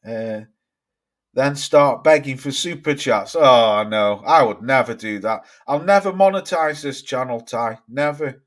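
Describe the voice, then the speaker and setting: A man's voice: medium pitch, animated, measured pace. A man hosting a casual boxing livestream, reading viewer comments aloud and swearing freely as he chats. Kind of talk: casual live-chat commentary.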